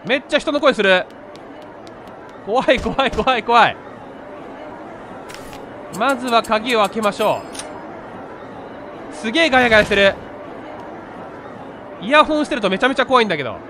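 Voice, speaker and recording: A man's voice: very high-pitched, animated, fairly quick, pauses often, bright, forceful tone, some chatter behind, a little hiss or hum. A man casually commentating a horror game, talking to himself and reading screen text aloud. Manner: talks to himself, narrating each step. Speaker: gamer playing a horror game.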